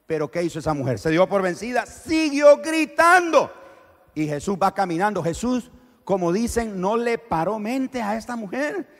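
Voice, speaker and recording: Animated Nicaraguan preacher, high lively voice. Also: male voice, normal speed, long reverb tail. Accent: Nicaraguan Spanish. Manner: animated, dramatic storytelling. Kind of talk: sermon storytelling.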